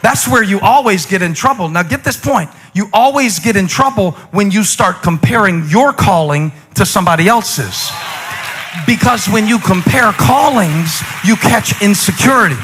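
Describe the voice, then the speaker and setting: A bright, high-pitched male voice with a husky edge preaches to a live congregation. He talks to the crowd like a friend, drops to hushed, musing asides, then climbs into loud, urgent exhortation. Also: lively intonation, moderate pace, faint music behind. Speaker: pastor. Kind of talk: sermon.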